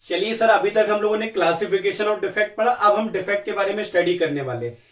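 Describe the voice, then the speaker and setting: A high-pitched man lectures on chemistry, posing questions and then answering them in the students' place, repeating each key term like a call and response. His voice sits back from the mic in a roomy, echoing space. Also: fairly quick, a bit bright, far from the mic. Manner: calls listeners beta and sir. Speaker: chemistry teacher. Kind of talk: classroom lecture. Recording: echoey room, voice from off-mic.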